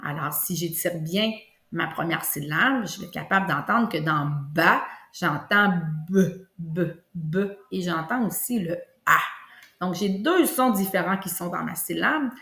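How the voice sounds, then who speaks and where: A woman with a Québécois French accent, teaching a kindergarten lesson and slowly stretching out sounds for young children. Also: fairly low pitch, animated, vocal fry, sharp tone. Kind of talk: classroom lesson video. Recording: echoey room.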